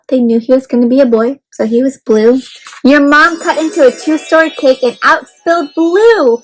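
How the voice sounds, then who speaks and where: Hosting a children's read-aloud, a woman uses an expressive, teacherly, encouraging style, giving simple explanations and asking her audience questions. Her pitch is fairly high, and the recording is rough.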